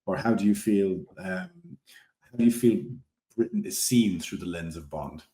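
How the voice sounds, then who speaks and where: A man's voice: deep voice, normal speed, warm tone, reverberant. An Irish man co-hosting a casual podcast chat, thinking aloud with fillers as he asks questions. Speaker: podcast co-host.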